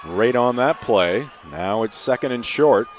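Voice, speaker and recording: A man calling live high school football play-by-play in short running phrases. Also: expressive, a little slow, some chatter behind, slight background noise. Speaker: play-by-play announcer.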